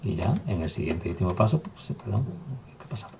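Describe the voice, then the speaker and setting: Low gravelly male teacher. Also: quick pace, noisy background. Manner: calm, step-by-step explaining while writing. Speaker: math teacher. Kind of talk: recorded math lesson.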